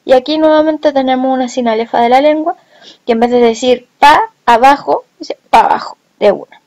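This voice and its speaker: A woman teaching a recorded lesson, speaking slowly and deliberately and drawing out example words. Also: sits high, dark tone, highs cut off. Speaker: language teacher.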